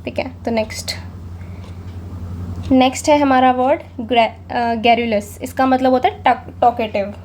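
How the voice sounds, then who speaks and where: A woman's voice: high-pitched, steady tone, a little slow, darkish tone, slight background noise. A young woman gives a casual vocabulary lesson, chatty and often saying "theek hai". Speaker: exam vocabulary teacher.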